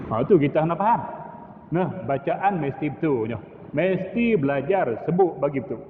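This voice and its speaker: Male mosque teacher, middle-aged, unhurried; tinny recording with long hall reverb. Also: on the high side, expressive, background noise. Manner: demonstrates recitation, chanting Arabic phrases between plain explanation. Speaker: religious teacher. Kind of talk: mosque lecture on Quran recitation.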